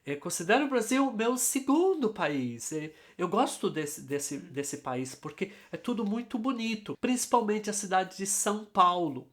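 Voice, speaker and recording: A man playing a polite foreign man who speaks slowly, carefully and formally. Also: high voice, big pitch swings, a bit bright, voice pushed up, heavily acted. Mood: courteous.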